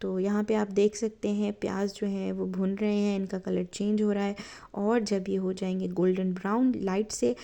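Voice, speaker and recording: A woman with a gravelly, slightly fried voice narrates a home cooking tutorial. Her tone is dark and mellow, and she talks in a chatty way, piling up fillers as she goes through each ingredient. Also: medium pitch, level tone, moderate pace. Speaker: cooking channel host.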